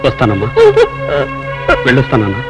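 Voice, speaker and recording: A man playing a younger brother who quietly and resignedly agrees to leave home, in a dubbed film drama. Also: on the low side, brisk, natural voice. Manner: quiet, resigned, soft-spoken. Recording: film soundtrack with music.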